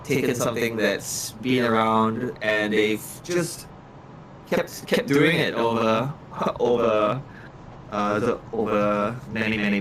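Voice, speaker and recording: A man with a fairly low but fairly bright voice co-hosts a livestream, chatting casually while tripping over and repeating words. The recording is low quality, with faint background noise.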